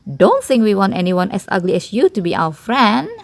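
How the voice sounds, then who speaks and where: Woman putting on a loud, brash drake leader. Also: mid-range voice, big pitch swings, normal speed, vocal fry, no room sound. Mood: dismissive. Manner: loud, blunt. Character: brash, dismissive male leader of wild ducks. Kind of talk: fairy tale storybook character voice.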